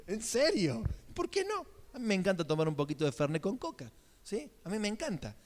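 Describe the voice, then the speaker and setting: Man, Córdoba accent, pastor, conversational sermon, high voice, long church reverb. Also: very animated, a little fast, a little hiss or hum. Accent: Argentine, Córdoba. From Argentina. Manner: conversational preaching with frequent check-in questions. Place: church sanctuary.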